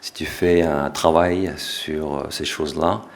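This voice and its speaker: A middle-aged French man, an author, giving a relaxed public talk with small self-corrections. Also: a bass voice, measured pace. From France. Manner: relaxed, self-deprecating, with restarts. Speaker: author and speaker.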